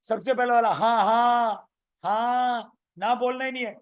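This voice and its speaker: Male sales coach with a high voice, energetic and repetitive, teaching live over a video call. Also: unhurried, smooth. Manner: energetic, repeats phrases, role-plays sales calls. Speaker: business coach. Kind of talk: live online training session.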